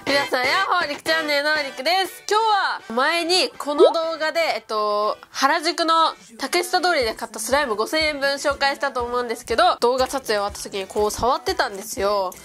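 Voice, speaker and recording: A woman's voice: high voice, fairly quick, hardly any pauses. Stuffy-nosed young woman vlogging. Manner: chatty, excited, musing aloud as she plays with slime. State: stuffy nose from a cold. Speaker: slime vlogger. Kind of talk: casual chat. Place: indoors at a table. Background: background music.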